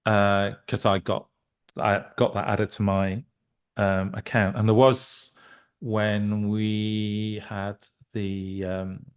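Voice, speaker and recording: A middle-aged man talks in a lowish voice as an interview guest. He rambles and restarts his sentences, with plenty of fillers along the way. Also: flat delivery, slow, smooth. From England. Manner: rambling, stop-start with many restarts and fillers. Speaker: guest, musician and producer. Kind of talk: casual interview chat.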